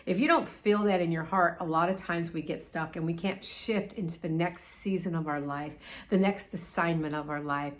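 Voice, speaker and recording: A woman's voice: on the low side, normal speed. A middle-aged woman, a life coach, giving a conversational, encouraging faith talk with casual fillers.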